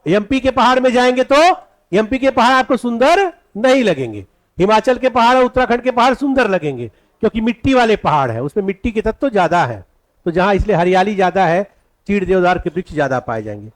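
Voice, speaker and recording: In a classroom, a male teacher with a high, very animated voice leads an exam-prep class. He repeatedly poses questions to the students and answers them himself, dictating each point slowly and again and again.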